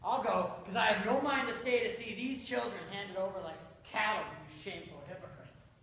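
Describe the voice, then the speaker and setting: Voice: medium pitch, fairly quick, fairly bright tone, lightly acted. An amateur stage actor playing a belligerent, sneering small-town drunk who rants and heckles. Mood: scornful. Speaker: actor at a play rehearsal. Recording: distant, very echoey room, faint noise.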